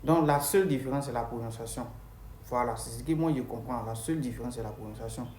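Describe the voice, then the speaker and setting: A man's voice: mid-range voice, fast, darkish tone, slight background noise. Man teaching English in a roomy space. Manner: repeats key phrases, addresses viewers directly. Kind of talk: casual video lesson. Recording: roomy with faint ambience.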